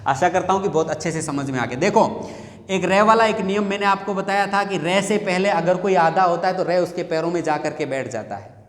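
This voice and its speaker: A man's voice: high voice, fairly quick. A male teacher giving a lesson, drilling students with repeated questions and answers. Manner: repetitive call-and-response drilling. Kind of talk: classroom lesson. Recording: echoey long-reverb room.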